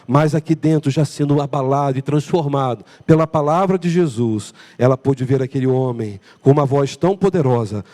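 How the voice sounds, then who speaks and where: A man's voice: moderate pace, hardly any pauses. A man preaching a dramatic sermon in a large church, heard with a long cathedral echo. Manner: dramatic preaching that swings from loud emphasis to hushed low tones. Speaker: pastor. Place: large church hall during a morning service. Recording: voice with long hall reverb in a church.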